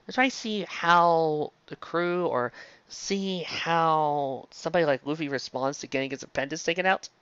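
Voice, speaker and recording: On a dull lo-fi recording made close and dry, a fan fiction reviewer gives a rambling, offhand monologue with frequent digressions and restarts mid-phrase. The medium-pitched voice sounds a bit bright and clean, without any room sound.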